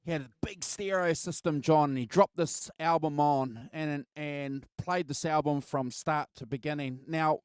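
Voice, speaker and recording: A middle-aged man hosting a casual music album chat, halting and repeating words as he reminisces. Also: on the high side, clear, resonant tone, dry recording, studio quality. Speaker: host of a music album show.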